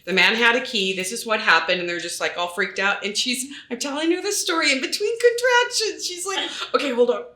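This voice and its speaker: A woman real estate agent telling a story in a panel chat, animated and acting out her own quotes. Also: fairly high pitch, fast, hardly any pauses. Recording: roomy echo.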